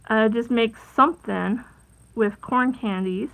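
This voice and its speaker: A woman hosting a casual live crafting stream, chatty and rambling, with plenty of fillers and soft asides at her craft table. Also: a little high, unhurried, gravelly, low-quality recording. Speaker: crafting livestream host.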